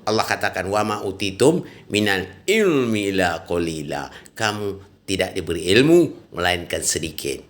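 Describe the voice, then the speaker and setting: A man's voice: deep voice, very animated, normal speed. A man giving an informal religious talk, emphatic and colloquial, with frequent "ya" and "nah" tags. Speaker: religious preacher.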